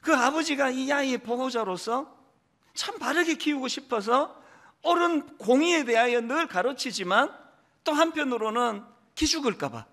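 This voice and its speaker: A middle-aged man preaches with a high, lively voice that swings up and down. He tells stories with feeling and acts out the people in them. His tone is bright and forceful. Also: normal speed. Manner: animated, emotional storytelling with quoted dialogue. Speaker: pastor. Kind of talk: sermon with personal storytelling.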